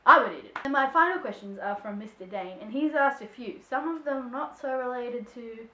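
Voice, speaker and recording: A young woman with an Australian accent talks casually to camera as a vlogger. Her voice sits slightly high, and she springs into playful voices when quoting people. The sound carries a noticeable room echo. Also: moderate pace, slight background noise. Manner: chatty and expressive, acts out quoted voices. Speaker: vlogger answering viewer questions. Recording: echoey room.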